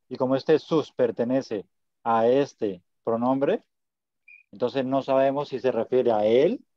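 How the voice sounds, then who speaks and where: A man's voice: mid-range voice, warm tone, no echo, lo-fi sound. Patient man teaching a Spanish class. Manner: patient, encouraging, repeats words to drill.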